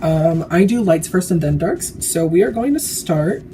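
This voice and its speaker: A woman's voice: on the low side, lively intonation, normal speed, warm tone, faint music behind. A woman giving a casual, chatty makeup tutorial while tipsy, rambling drunkenly and swearing freely.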